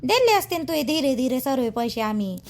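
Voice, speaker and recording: Brief: woman as a fussing rustic mother-in-law, high scolding voice. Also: very animated, a little fast, slight background noise. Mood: reproachful. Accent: Vidarbha Marathi. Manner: scolding, pleading. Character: scolding village mother-in-law, middle-aged.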